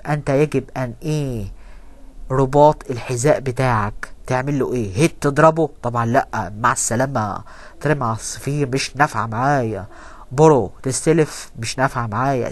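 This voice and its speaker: In a dry recording, a medium-pitched man with an Egyptian Arabic accent teaches English grammar. He takes the English sentences slowly, then switches to Arabic to explain them quickly.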